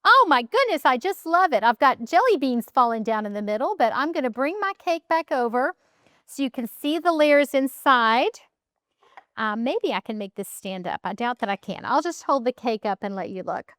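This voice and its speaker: Woman doing a cooking demo at home, smooth clear voice, chatty, thinks out loud, dry close sound. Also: sits high, expressive, moderate pace, no room sound. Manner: chatty, thinks aloud while working. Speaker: cooking show host. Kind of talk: casual cooking demonstration.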